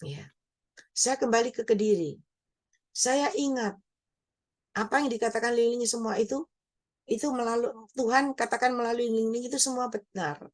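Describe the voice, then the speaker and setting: Woman, evangelist, fairly high voice, testimony, emphatic preaching. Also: fairly even intonation, normal speed. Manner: storytelling that rises into emphatic preaching.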